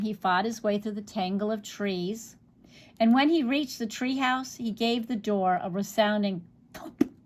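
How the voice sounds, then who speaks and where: A woman reading a children's picture book aloud, expressive, with small slips and restarts. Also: medium pitch. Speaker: storybook reader.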